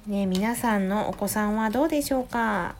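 Woman, thirties, mother, gentle chatty solo talk, close mic, faint background music. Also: mid-range voice, normal speed. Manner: gentle, chatty, many soft "ne" tags. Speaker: podcast host, mother of a preschooler. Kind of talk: casual solo audio diary.

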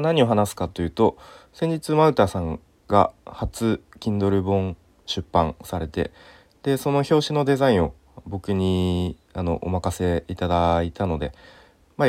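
Deep-voiced man with a stuffy nose. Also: dry recording. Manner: relaxed, unhurried, heavy use of fillers. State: slightly sore throat and stuffy nose. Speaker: podcast host. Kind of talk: casual solo talk.

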